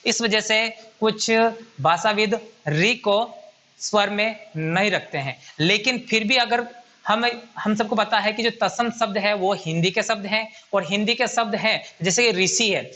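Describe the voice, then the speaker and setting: A man's voice: sits high, unhurried, pushed and bright. A man teaching a grammar lesson at a whiteboard, patiently repeating and counting items aloud.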